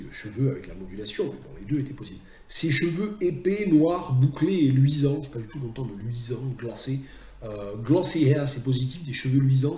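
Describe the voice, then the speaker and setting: A man's voice: mid-range voice, warm tone, reverberant, a little hiss or hum. A man teaching translation in a recorded video lecture, chatty and self-mocking, often drifting into asides.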